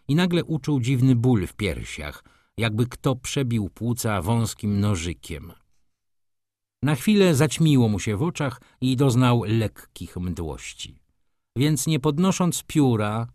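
Expressive male audiobook narrator. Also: medium pitch, dry recording, studio quality. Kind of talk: scripted literary narration.

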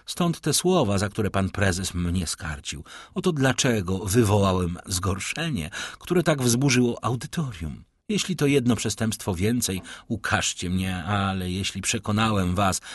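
A man's voice: on the low side, slightly rough, no room sound, clean studio sound. A man reading an audiobook, voicing a young male defendant who speaks with bitter defiance.

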